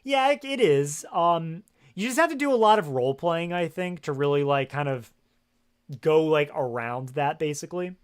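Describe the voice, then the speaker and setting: Guy streaming games at home on a headset, kinda high voice, rambly, swears a lot. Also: expressive, moderate pace, smooth. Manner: rambling, swears often, lots of fillers. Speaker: game streamer. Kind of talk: casual livestream chat. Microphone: gaming headset.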